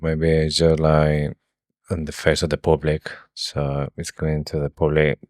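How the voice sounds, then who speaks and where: A man's voice: rumbling low, monotone, a little slow, darkish tone, no echo, studio quality. A man co-hosting a podcast, casually recapping book chapters with a hesitant, filler-heavy way of talking. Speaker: podcast co-host.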